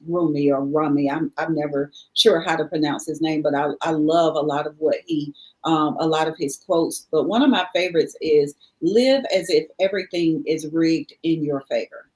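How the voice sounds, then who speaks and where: A woman's voice: low-pitched, moderate pace, a little mellow, low-quality recording. A woman guest speaking earnestly in a reflective, motivational conversation, repeating favorite sayings for emphasis.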